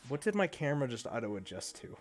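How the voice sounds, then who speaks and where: Male game streamer, sick, self-mocking, very animated pitch. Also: fast. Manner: groaning, self-mocking complaints. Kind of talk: casual game-stream chat.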